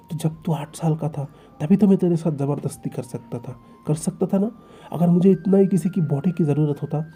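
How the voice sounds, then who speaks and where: A man's voice: on the high side, mellow, husky. A man voicing a possessive, jealous young man who pleads with his partner in a stammering, reproachful way.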